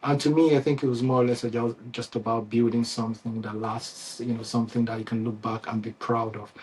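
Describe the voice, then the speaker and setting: On a low-quality recording with a little hiss or hum, a Nigerian-accented founder speaks fairly quickly in a darkish, mid-range voice that barely moves in pitch. He hosts a customer Q&A for his company, unscripted and chatty, with many fillers, restarts and chuckles.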